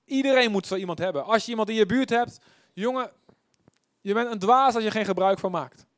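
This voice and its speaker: Emphatic preacher man, loud then hushed. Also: high-pitched, no room sound, clean studio sound. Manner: emphatic, swings from loud bursts to hushed, drawn-out phrases; repeats words for emphasis. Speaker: pastor. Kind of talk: sermon.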